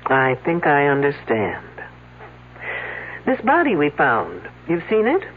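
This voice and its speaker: An actress playing a sharp, impatient woman detective in a 1970s radio drama, questioning with brisk authority. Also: sits low, wildly swooping pitch, a little hiss or hum, exaggerated voice. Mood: probing. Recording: tinny old radio broadcast.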